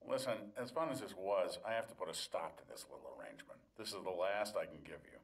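A weary male doctor from a game drama, with a very low, creaky voice. He lays down rules in a measured, official tone with an apologetic edge, recorded at some distance as if on camcorder tape. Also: sing-song, heavily acted. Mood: firm, apologetic. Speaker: doctor character in a video game. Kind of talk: dramatic video game acting.

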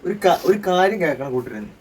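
A man's voice: fairly high pitch, sing-song, fast talker, darkish tone, distant mic, slight background noise. A middle-aged man playing the joking father in a family comedy skit, scolding and teasing and repeating himself.

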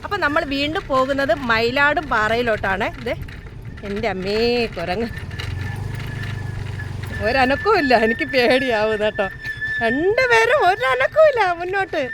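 A woman with a high voice and a southern Kerala Malayalam accent chats as she walks on a travel vlog. She repeats her phrases and often turns to viewers with little tag questions. The recording is outdoors, with light noise behind her. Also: sing-song, normal speed. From Kerala, India. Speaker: travel vlogger. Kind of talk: casual walking vlog commentary. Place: outdoors, walking through a village and rocky hill.

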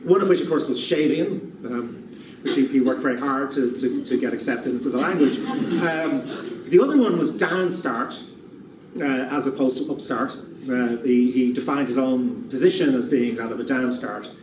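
A man's voice: mid-range voice, moderate pace, a little mellow. A man in his sixties giving a public lecture at a lectern, thoughtful and restarting often, repeating words as he works out each point. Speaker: keynote speaker. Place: lecture room, standing at a lectern. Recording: echoey room, far from the mic, room noise.

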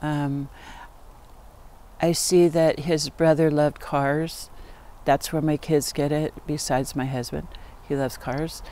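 In her sixties, a woman serving as a documentary interviewee recalls her life unscripted and with some hesitation. Her voice is low, steady, slow and warm, and the recording was made outdoors in a backyard.

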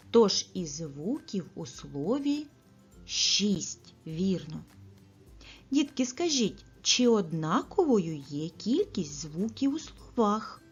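Woman, preschool teacher, slow careful speech, lively singsong pitch, lo-fi recording. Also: husky. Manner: slow, carefully articulated, pauses for children's answers. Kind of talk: speech lesson for young children.

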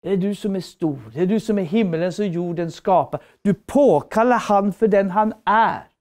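A woman's voice: mid-range voice, darkish tone. Fervent woman preacher. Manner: fervent, emphatic repetition, rhetorical questions. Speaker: Bible school preacher. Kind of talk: preaching lecture.

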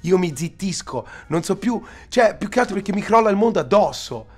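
A man's voice: high-pitched, expressive, a little fast. A man in his thirties giving casual live reaction commentary as a streamer, bemused and complaining, close to the mic. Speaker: streamer and host. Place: small indoor streaming room.

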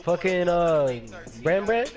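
A man in a game party chatting casually, throwing in quick mocking remarks. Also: high voice, animated, faint music behind. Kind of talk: casual gaming chat.

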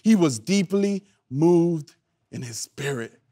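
A young man preaching a youth sermon, lively and playful, calling on the audience to answer back. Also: on the high side, takes it slowly. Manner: animated, playful, calls for audience response. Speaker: youth pastor.

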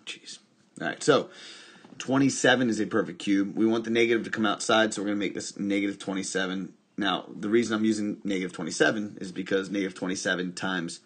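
With a deep, slightly breathy voice, a man teaches math on a recording, questioning himself and supplying the answers as he moves step by step, adding dry remarks along the way.

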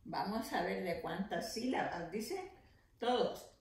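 A woman teacher leading an early reading lesson for young children, slowly sounding out letters and syllables. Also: medium pitch, expressive, a little mellow. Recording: echoey room.

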